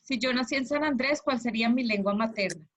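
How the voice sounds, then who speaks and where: A woman with a Colombian accent teaches an online video class with slides, giving an interactive lecture in a brisk, fairly high voice. She is encouraging and checks understanding with questions, and the audio is dull and lo-fi.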